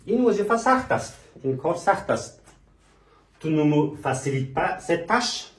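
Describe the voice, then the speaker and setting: A man teaching a French lesson. He asks rhetorical questions, answers them himself, and says example phrases slowly. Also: fairly high pitch, sing-song. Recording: echoey room, mic at a distance.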